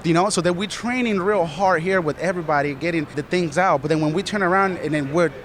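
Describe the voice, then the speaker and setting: A studio manager and business partner from Colombia gives casual interview answers about building an art business, his voice slightly raised and fairly bright. Earnest and driven, he talks fast and energetically, often repeating himself and circling back over his words, with faint outdoor noise around him.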